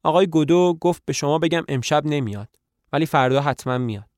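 A man's voice: a little high, no room sound, studio quality, natural voice. A man voicing a frightened young boy messenger who answers meekly and politely. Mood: timid. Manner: meek, polite, short answers.

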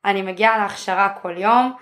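A young woman co-hosting a podcast, chatting casually with wry, slangy, deadpan jokes. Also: medium pitch. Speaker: podcast co-host. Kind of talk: casual chat among friends.

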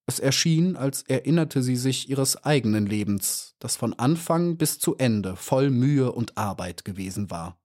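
A man calmly reading a children's storybook as narrator. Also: medium pitch, measured pace, few pauses. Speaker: audiobook narrator.

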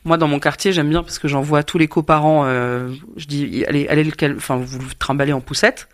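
Fast-talking, plain-spoken French woman expert. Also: low-pitched, steady tone. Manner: blunt, familiar, colloquial. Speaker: midwife or women's health expert guest. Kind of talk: casual expert advice.

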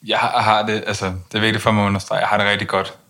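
A young man speaking in a monotone, low-key way with many hesitant restarts, talking candidly as an interview guest. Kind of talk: candid personal conversation.

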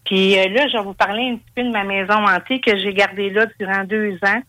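A woman's voice: mid-range voice, fairly even intonation, a little fast, pushed and bright, no room sound. A woman with a Québécois French accent calling in to a radio show, telling her own story earnestly. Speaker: caller. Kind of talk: phone-in storytelling.

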